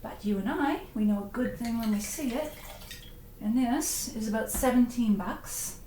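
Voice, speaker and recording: A woman's voice: fairly high pitch, moderate pace, mellow, slight background noise. A middle-aged woman hosting a casual live-stream wine tasting, chatty and punning, reading viewer comments aloud. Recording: echoey room, faint ambience.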